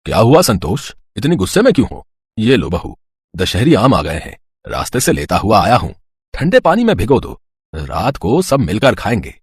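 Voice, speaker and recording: A man voicing an easygoing older husband in a cartoon, talking in a calm, coaxing way. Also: on the low side, moderate pace, breathy edge, dry recording, clean studio sound, voice pushed down, exaggerated voice.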